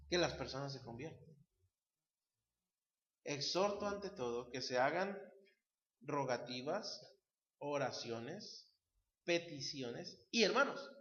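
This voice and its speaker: A man's voice: on the high side, fairly bright tone. A man preaching a sermon, emphatic and asking the congregation questions. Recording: roomy, slightly dull church recording.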